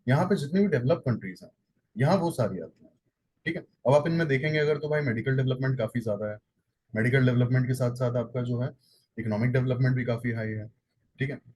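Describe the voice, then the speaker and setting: A man's voice: medium pitch, quick pace, a little mellow, breathy edge, rough recording. A man with an Indian accent teaching an exam-prep lecture, explaining step by step, repeating points and correcting himself with fillers. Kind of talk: exam-prep lecture in Hindi-English mix.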